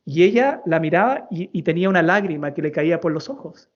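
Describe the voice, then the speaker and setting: A man in his thirties speaks as an interview guest, a storytelling coach who tells a personal story earnestly. He repeats words for emphasis, in a fairly high voice. The sound is dull and lo-fi. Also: animated, brisk.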